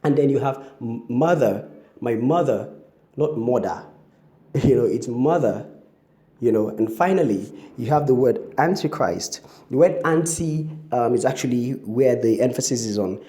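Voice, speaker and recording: A man's voice: mid-range voice, expressive, dark tone, reverberant. A man teaching English pronunciation, carefully contrasting how words are said, with frequent ums. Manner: deliberate, contrasting word pronunciations with fillers. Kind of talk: pronunciation lesson.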